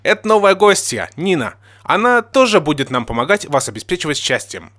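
A man voicing an eager, excitable boy who keeps exclaiming. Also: fairly high pitch, brisk, pitched above the performer's own voice.

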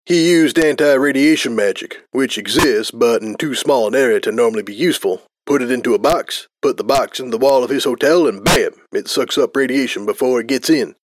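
A man's voice: medium pitch, brisk, few pauses, no echo, close to an everyday voice, rough recording. A man voicing a chatty male pony soldier captain who explains things in an offhand, rambling way.

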